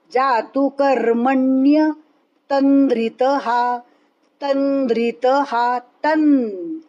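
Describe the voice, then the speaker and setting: A woman's voice: sits high, darkish tone. A woman teaching a pronunciation lesson for recitation, drilling syllables and repeating each word. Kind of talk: slow pronunciation tutorial. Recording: dull lo-fi recording.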